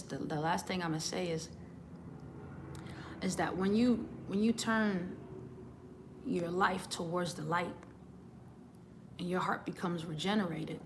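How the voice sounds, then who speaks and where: A woman's voice: lowish voice, slight background noise. A woman, a singer, giving an earnest motivational talk, often repeating words as she starts a thought.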